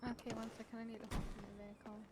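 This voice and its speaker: Casual higher-voiced woman playing a mechanic. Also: flat delivery, background noise. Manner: casual, quick, stumbling over words. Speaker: roleplay mechanic. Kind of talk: in-character roleplay chat.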